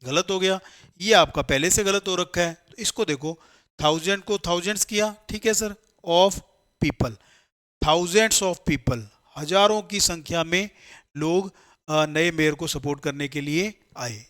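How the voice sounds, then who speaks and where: A man gives a classroom grammar lecture and pitches his voice slightly high. He poses questions to the class and answers them himself, mixing with English terms as he works through each rule. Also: moderate pace, fairly bright tone. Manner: explains step by step, asks and answers his own questions; mixes Hindi with English terms. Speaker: English teacher for competitive exams.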